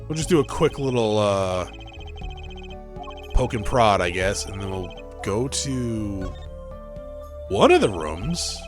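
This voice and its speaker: A man's voice: fairly low pitch, very animated, slow pace, long pauses, over music. A man hosting a let's play, commenting on a game in an offhand, joking way and laughing often. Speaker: gaming channel host.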